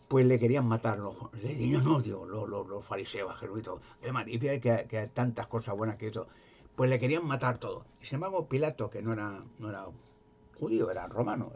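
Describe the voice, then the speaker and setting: Husky man retelling Bible stories. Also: mid-range voice, highs cut off. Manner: rambling, animated storytelling with repetitions. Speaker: religious speaker.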